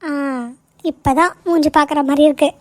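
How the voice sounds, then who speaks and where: A playful young office woman, voiced by a woman in a cartoon, coaxing and teasing in a high, bright voice. The sound is close and dry. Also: steady tone, a little fast, no echo, close to an everyday voice. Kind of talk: cartoon voice acting.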